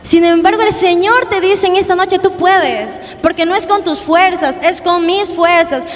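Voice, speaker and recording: A woman's voice: very high voice, unhurried. A young woman preaching a sermon at a youth service, earnest and repetitive, often asking the congregation questions. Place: church hall. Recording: long church hall reverb, faint background noise.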